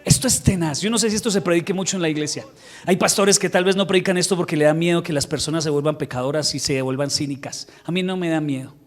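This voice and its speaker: A man pastor preaching a sermon in a church, telling a Bible story with lively, humorous storytelling. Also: fairly high pitch, quick pace. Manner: animated storytelling, acting out quotes with humor.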